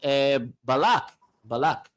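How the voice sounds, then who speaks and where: A man in his fifties chatting casually outdoors, halting and full of fillers and restarts. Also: medium pitch, expressive, fairly bright tone, low-quality recording. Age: 50s. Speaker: homeless livestream regular. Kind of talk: casual chat on a livestream.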